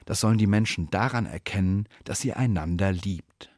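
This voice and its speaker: A man voicing a calm, patient male teacher who speaks slowly and gently. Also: low voice, dry recording, clean studio sound. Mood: earnest.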